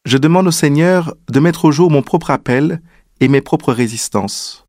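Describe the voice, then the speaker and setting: A man leading a guided prayer in a calm, measured liturgical manner, introducing the reading. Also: a little high, no room sound, clean studio sound. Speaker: prayer leader.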